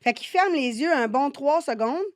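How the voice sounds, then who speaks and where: A woman with a Québécois accent tells animated stories and acts out the dialogue in casual podcast talk. Her voice sits a touch high. The sound is dry and close-miked. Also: normal speed, no echo. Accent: Québécois French. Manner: lively, animated anecdote telling with quoted dialogue. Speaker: guest, synergologist.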